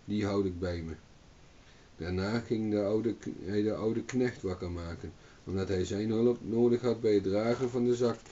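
A man reading a fairy tale aloud as a storyteller, in calm steady narration, on a dull distant recording. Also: lowish voice, normal speed, a little hiss or hum.

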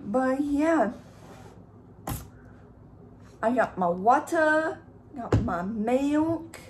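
A woman's voice: high-pitched, expressive, slow pace, darkish tone, slight background noise. A young woman in a casual mukbang vlog, chatting and rambling to her viewers while she makes chocolate milk and cuts pizza at home. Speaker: YouTuber. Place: room at home. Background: faint TV in the background.

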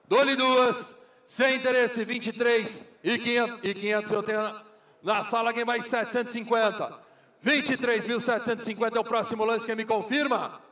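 Echoey distant recording, Brazilian man, high voice, auctioneer, repetitive bid-calling chant. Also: a bit bright. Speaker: car auctioneer. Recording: echoey hall, far from microphone.

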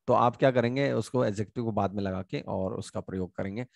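A man with an Indian English accent teaches grammar in Hindi, asking questions and answering them himself. His voice has a gravelly, fry-tinged edge. It is recorded close and dry, with no room sound. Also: lowish voice, a little fast, no room sound. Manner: many hesitation sounds and restarts. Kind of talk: online grammar lesson.

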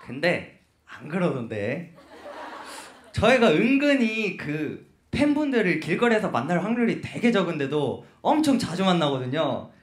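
A man with a high, very lively voice hosts a live fan event from a concert hall stage. He talks to the audience in a playful, teasing way and tells animated stories. His voice rings through an echoey hall with faint noise behind. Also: normal speed. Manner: playful, animated storyteller who teases the crowd. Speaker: crew member hosting a fan talk show. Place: concert hall stage before about 300 fans.

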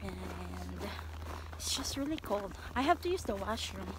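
A woman's voice: medium pitch, expressive, unhurried, noisy background. A young woman mixing Tagalog and English in casual chat as she vlogs on a phone held at arm's length at an outdoor winter ice park. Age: young adult. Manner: mixes Tagalog and English, chatty. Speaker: vlogger.

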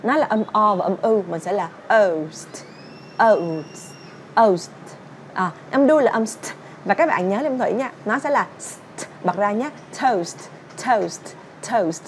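A woman's voice: medium pitch, lively intonation, a little fast, a little hiss or hum. A young woman teaching English through a song, chatty and casual, singing lines and then explaining them. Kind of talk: song-based English pronunciation lesson.

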